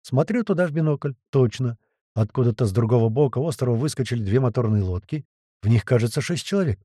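Lively dark-voiced male audiobook narrator. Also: medium pitch, quick pace, no echo, studio quality. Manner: lively, vivid storytelling. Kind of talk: first-person audiobook narration.

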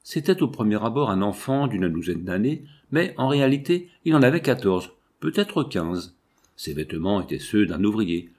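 A man narrating a children's storybook in a measured, expressive read-aloud. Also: fairly low pitch. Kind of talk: storybook reading.

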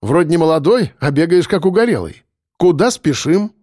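A gruff street-smart companion snaps out short, mocking remarks, voiced by a male storyteller. He stays near the narrator's own voice but with lively, jeering swings in pitch. Dry, close storybook recording. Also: normal speed, no room sound.

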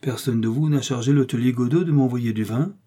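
Ardent young guardsman, voiced by a man; urgent, earnest, husky low tone. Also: fairly quick, dark tone, natural voice.

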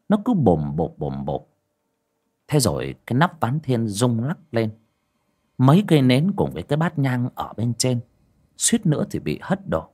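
Expressive male narrator. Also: medium pitch. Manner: lively dramatic storytelling. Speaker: storyteller. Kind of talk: audiobook horror narration.

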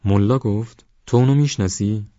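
A man voicing an anxious young man who keeps pressing questions on his silent rescuer in an audiobook, pitched higher than his own narrating voice. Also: mellow, no room sound, dull audio, natural voice.

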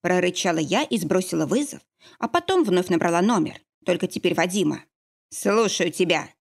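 Expressive woman narrator for a first-person thriller audiobook, lively pitch. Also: brisk, gravelly.

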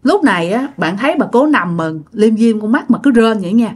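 A woman's voice: a little high, animated, a little fast, darkish tone, slightly rough. Southern Vietnamese woman, conversational ghost-story teller, talks straight to her listeners. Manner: chatty, with filler phrases and asides to listeners.

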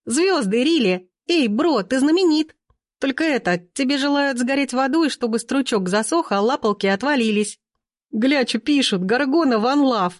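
A woman reader voicing an excited teenager reading phone comments aloud. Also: high voice, normal speed, no room sound, clean studio sound, pitched above the performer's own voice. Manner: squealing, slangy. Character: excited teenage boy, slangy.

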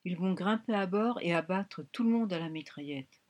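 A woman's voice: on the low side, moderate pace, a little mellow, lightly acted. A woman reading a scheming old German ex-soldier. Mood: grim. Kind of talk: audiobook reading.

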